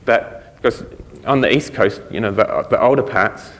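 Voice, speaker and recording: Aussie guy explaining stuff at a conference, kinda low voice, echoey hall. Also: moderate pace, fairly bright tone. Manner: conversational, explaining step by step with slides. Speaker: conference speaker. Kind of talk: conference talk.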